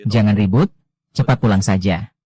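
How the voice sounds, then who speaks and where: Guy with a low mellow voice reading all the drama lines, same even tone for everyone. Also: normal speed, husky. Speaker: voice-over reader of a drama. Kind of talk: dubbed drama dialogue read by one voice.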